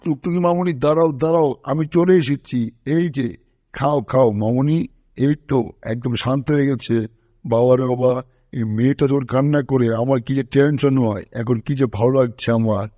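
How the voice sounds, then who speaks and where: A man's voice: medium pitch, fairly even intonation, normal speed, warm tone, no room sound, natural voice. A man voicing a bossy male bulldog in a cartoon dub, who scolds the cat and coos over a baby. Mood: cooing. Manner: scolding, then cooing baby talk.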